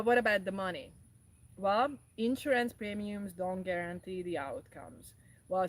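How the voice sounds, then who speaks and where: A woman's voice: fairly low pitch, low-quality recording. A woman hosting a casual wellness talk show, speaking earnestly and often repeating herself. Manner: earnest, repetitive, restarts often. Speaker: wellness podcast host.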